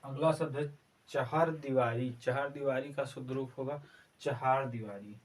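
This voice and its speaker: A man teaching an exam-prep Hindi class, slowly repeating each word several times in a spelling drill. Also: mid-range voice, steady tone. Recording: distant mic with faint background noise.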